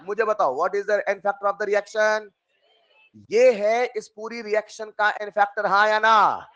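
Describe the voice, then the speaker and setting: A man teaching chemistry in an online class, coaxing his students with repeated questions and bursting into loud emphasis. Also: high-pitched, steady tone, takes it slowly. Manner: coaxing, repeats questions to students, calls them dear children. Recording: dull lo-fi sound.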